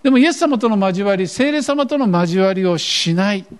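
A man's voice: high-pitched, expressive, moderate pace, clean tone. An older man preaching a sermon as pastor, asking his congregation questions and acting out the voices he quotes.

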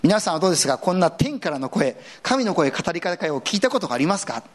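A man delivers a sermon with the warmth of casual conversation, slipping in everyday asides. His voice sits a little high and swings widely in pitch as he presses his points home. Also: fast. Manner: earnest, conversational preaching with lively swings in pitch. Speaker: pastor.

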